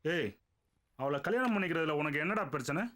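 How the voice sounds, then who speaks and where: A cocky needling young friend. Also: male voice, on the high side, animated, a little fast, fairly bright tone. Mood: goading. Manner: mocking, goading.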